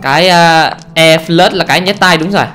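Excitable gamer man. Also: fairly high pitch, moderate pace, faint music behind. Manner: excitable, exclaiming and swearing casually. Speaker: gamer, channel host. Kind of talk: let's play commentary on a horror game.

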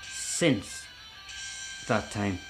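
A man's voice: lowish voice, lively intonation, very slow, over music, poor audio. A man from North East England, chatting bluntly in a sweary, casual vlog. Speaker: vlogger.

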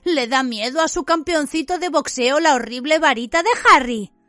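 A woman's voice: high voice, moderate pace, dry recording, studio quality, faint music behind, voice pushed up. Woman doing a furious teen boy wizard, snappy, mocking, threatening. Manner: sharp, threatening retorts. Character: angry, defiant teenage boy wizard. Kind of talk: audiobook character voice.

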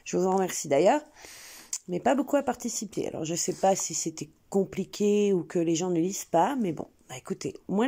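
A woman's voice: mid-range voice, warm tone. A woman with a French accent hosting a spontaneous home video, hesitant with many fillers and restarts, cooing sweetly to her pet between remarks. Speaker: channel host.

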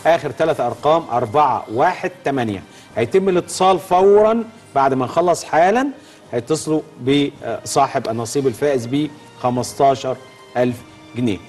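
A man's voice: medium pitch, brisk, a little mellow, faint music behind. A middle-aged man with an Egyptian Arabic accent hosting a live TV prize draw, announcing the giveaway in a hyped, emphatic, repetitive manner. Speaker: TV host. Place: TV studio. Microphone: lapel.

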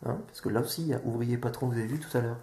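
A man calmly explaining to viewers how children learn to read, sounding out syllables one by one. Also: mid-range voice, very fast, vocal fry. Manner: patient, sounds out syllables step by step. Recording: echoey room.

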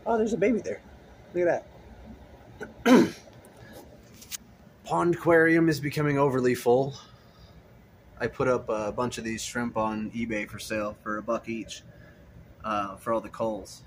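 Walking among the rows of tanks in his indoor fish room, an aquarium vlogger films on a handheld phone and chats in a loose, easygoing way. His mid-range voice has fairly even intonation and a slightly slow pace with long pauses, plus a little hiss or hum.

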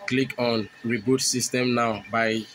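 A man narrating a step-by-step phone tutorial, explaining each button press in steady, repetitive phrasing. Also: mid-range voice, unhurried, a little hiss or hum, rough recording. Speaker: tech tutorial host.

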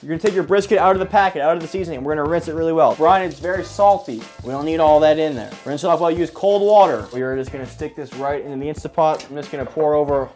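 A man's voice: fairly high pitch, fast, hardly any pauses, darkish tone, faint music behind. A man hosting a casual cooking vlog in his apartment kitchen, chatty and joking, swearing freely. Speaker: cooking show host.

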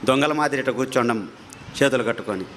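A man preaching his testimony as a story, animated, his pitch climbing at tense moments, repeating phrases for emphasis. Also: fast talker, a little hiss or hum.

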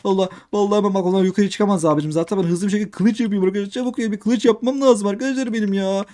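A young man doing excitable game commentary, repeating himself and talking straight to his viewers. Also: sits high, very fast. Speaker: gaming youtuber. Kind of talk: let's play commentary.

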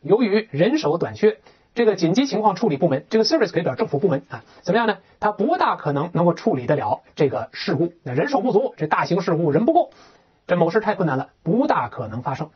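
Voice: mid-range voice, sing-song, quick pace, breathy edge, muffled recording. An English teacher working through a textbook lesson, asking rhetorical questions and reading example sentences aloud. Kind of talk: explaining a textbook lesson in Chinese.

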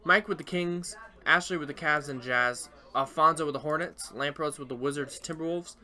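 A man hosting a live card break, briskly reading out buyers' names and their teams, with the hiccups. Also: a little high, pushed and bright.

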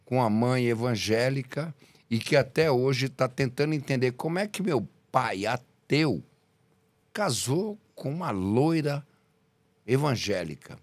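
A man's voice: medium pitch, lively intonation, a little slow, no echo. A man in his sixties with a Brazilian accent, a guest musician in casual podcast chat, rambling and joking with slang and swearing. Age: 60s. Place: podcast studio, indoors. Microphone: desk microphone on boom arm.

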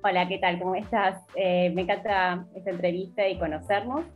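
A woman in her forties with a Buenos Aires Argentine accent, a guest on a video-call interview, explaining her experience in a steady way. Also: fairly low pitch, brisk, phone-quality sound, faint music behind. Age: 40s. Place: home room.

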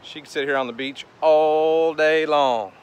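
A man's voice: a little high, steady tone, unhurried, slight background noise. Upbeat man vlogging from a beach. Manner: upbeat, chatty, talks to camera. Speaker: fishing vlogger. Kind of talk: casual outdoor vlog. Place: windy beach outdoors. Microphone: handheld camera at arm's length.

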